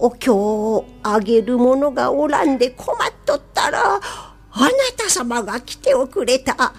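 A woman's voice: sits high, animated, unhurried, gravelly, husky, full character voice. A woman voicing a kindly, hospitable old countrywoman in a folktale, speaking in rustic old-fashioned phrasing.

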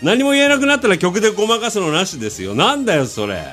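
A man doing comedic banter with an AI assistant, firing off rough, exasperated retorts. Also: sits high, sing-song, fast, a bit bright, soft background music.

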